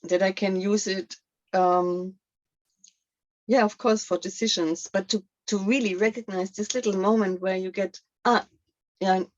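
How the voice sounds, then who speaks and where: A woman sharing her feelings in a group, halting and candid, searching for words. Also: medium pitch, a little mellow, highs cut off. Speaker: workshop participant. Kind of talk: emotional personal sharing.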